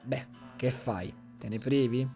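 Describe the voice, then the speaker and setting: Mellow young man narrating his vlog. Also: medium pitch, takes it slowly, soft background music. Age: young adult. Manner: candid, self-mocking storytelling. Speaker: vlogger. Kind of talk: reflective voice-over narration.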